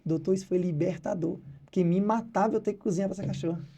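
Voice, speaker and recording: A man from Brazil tells a vet's stories in a casual interview and slips into his clients' voices. He speaks quickly in a deep, very dark and husky voice. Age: adult with children. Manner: animated, acts out clients' voices. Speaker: veterinarian guest.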